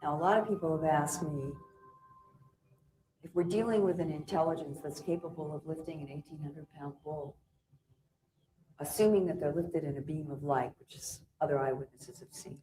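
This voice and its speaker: Low-voiced woman on an old vhs doc, audio all gurgly and underwater, echoey, listing stuff slow and careful. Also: warm tone. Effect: muffled underwater-sounding audio from a bad stream. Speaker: researcher interviewed on tape. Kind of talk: documentary interview. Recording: echoey old VHS tape playback with faint hiss.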